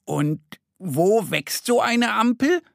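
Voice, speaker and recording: A man's voice: sits high, animated, slow pace, creaky, no room sound, clean studio sound, voice pushed up, full character voice. A man voicing a curious little bear cub in a children's story, asking earnest childlike questions.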